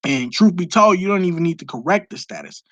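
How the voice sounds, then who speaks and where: With lively intonation and a quick pace, a fairly high-voiced Detroit man lectures emphatically on his live stream, fielding viewer questions and letting profanity in. His voice is slightly bright, recorded close and dry with no echo.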